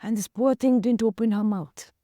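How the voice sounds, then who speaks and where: A woman's voice: fairly high pitch, moderate pace, mellow, dry recording, clean studio sound. A woman with an Indian English accent, an activist guest earnestly retelling a story in an interview and voicing its dialogue.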